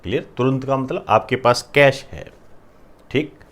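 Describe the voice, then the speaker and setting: A man giving a classroom lecture, explaining terms step by step and often checking in with "clear?". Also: medium pitch, measured pace, fairly bright tone. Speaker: teacher.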